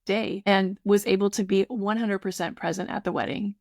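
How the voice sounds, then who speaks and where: A woman's voice: mid-range voice, steady tone, moderate pace, no room sound, clean studio sound. A woman in her fifties who runs a tutoring program, talking effusively in a casual podcast conversation. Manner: warm, effusive, restarts sentences.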